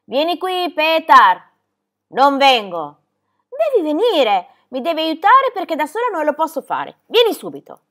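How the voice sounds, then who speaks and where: A woman's voice: sits high, a little slow, pitched above the performer's own voice, heavily acted. A woman reading aloud voicing a bold, eager young girl who calls out insistently. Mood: commanding. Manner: excited, insistent calling.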